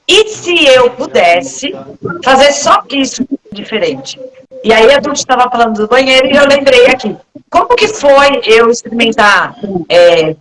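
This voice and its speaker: A woman's voice: on the high side, a bit bright, a little hiss or hum, low-quality recording. A Brazilian woman in casual conversation, speaking frankly and bluntly and acting out bits of dialogue in different voices. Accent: Brazilian Portuguese. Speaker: guest in a live group talk.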